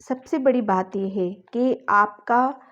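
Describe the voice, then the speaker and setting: A woman's voice: medium pitch, takes it slowly, fairly bright tone, highs cut off. A woman tarot reader talking to her viewers, coaxing and encouraging them, often closing a thought with a reassuring check-in. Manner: coaxing and encouraging, with a repeated ठीक है at the ends of thoughts. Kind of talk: addressing viewers in a tarot reading.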